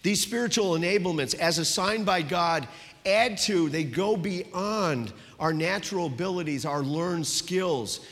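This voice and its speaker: A man preaching a sermon as a pastor, telling a personal story and dropping to a hushed voice for its tender moments. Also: sits high, unhurried, in a large hall.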